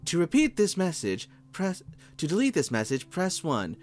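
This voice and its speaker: A man's voice: a little high, huge pitch swings, normal speed, darkish tone, faint music behind, pitched above the performer's own voice. A man voicing an impersonal automated voicemail menu, reciting announcements in a tabletop game. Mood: impersonal, mechanical.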